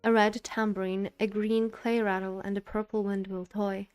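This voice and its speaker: Smooth-voiced woman reading a story. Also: mid-range voice, moderate pace, faint music behind. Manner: steady reading with occasional asides. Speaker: reader of a visual novel. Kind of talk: reading a game's text aloud.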